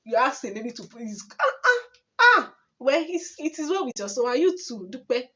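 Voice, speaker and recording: A woman's voice: high-pitched, lively intonation, fairly quick. A young Nigerian woman with a Nigerian accent tells story-time anecdotes in a casual vlog, dramatic and laughing often. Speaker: vlogger. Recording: dull lo-fi recording.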